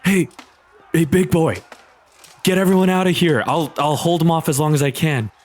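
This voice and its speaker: A man voicing a brave male warrior who shouts orders while holding off monsters. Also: fairly high pitch, normal speed, voice pushed up, close to an everyday voice. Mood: shouting, urgent. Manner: shouting commands.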